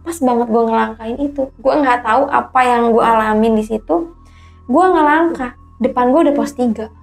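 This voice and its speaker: Her voice gravelly and on the high side, a woman shares an unsettling hiking experience of her own as a guest, slipping into rapid quoted exchanges as she animatedly narrates. Soft music plays underneath.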